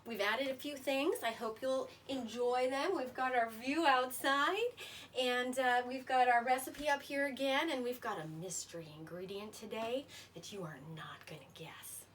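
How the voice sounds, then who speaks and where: A woman with a fairly high, slightly bright voice hosts a home cooking show from her kitchen indoors. She chats casually in a folksy, playfully self-deprecating way, and the kitchen recording is noisy.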